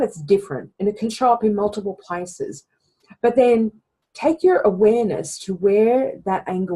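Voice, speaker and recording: A woman's voice: medium pitch, mellow, husky, low-quality recording. A middle-aged woman hosting a reflective casual talk, speaking conversationally and often adding "right?" to her points. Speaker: podcast host.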